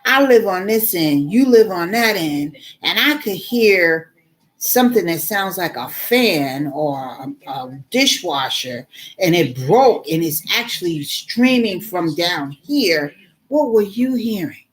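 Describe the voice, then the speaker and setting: A middle-aged woman in casual storytelling mode, animated and fed up as she recounts what happened. Her voice sits a little low for a woman, and she keeps turning to the listener as "girl". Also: slow pace. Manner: animated, exasperated, addresses viewer as "girl". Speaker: vlogger.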